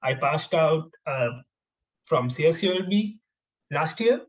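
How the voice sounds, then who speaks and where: A man's voice: a little high, expressive, slow, poor audio. A man in his twenties from India, a podcast guest answering questions casually, with many fillers and restarts. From India, Gujarat. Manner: hesitant, many fillers and restarts, laughs while talking. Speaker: podcast guest, software engineer.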